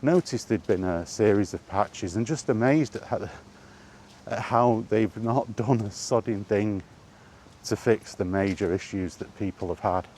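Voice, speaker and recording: Unhurried and a little mellow, a lowish-voiced British man goes on an exasperated, profanity-filled rant, talking off the cuff like a gaming vlogger out for a walk. Rhetorical questions recur throughout. The clip was captured outside, with noticeable background noise.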